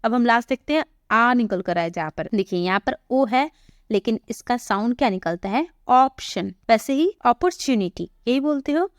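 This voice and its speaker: A woman with a fairly high voice gives a pronunciation lesson, close to the mic in a dry, dead room. She talks patiently and says each example word slowly, more than once, then asks a question and answers it herself. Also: animated, dry recording. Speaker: English teacher. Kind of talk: spoken English pronunciation lesson.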